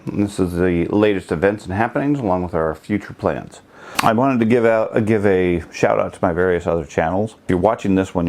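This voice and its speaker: A middle-aged man with a notably deep, low voice hosts a casual video blog update. He talks in an unhurried, rambling, low-key way. He restarts his phrases and corrects himself as he goes. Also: a little mellow. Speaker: channel host.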